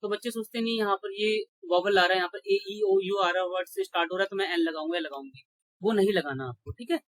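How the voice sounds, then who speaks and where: A man's voice: high voice, fast talker, a bit bright, no echo, rough recording. A male teacher walks his class through exam grammar rules one step at a time. He often checks that his students are following and answers his own questions. His voice is recorded dry and close, with no room sound. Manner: asks rhetorical questions and answers them. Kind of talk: exam-prep grammar lecture.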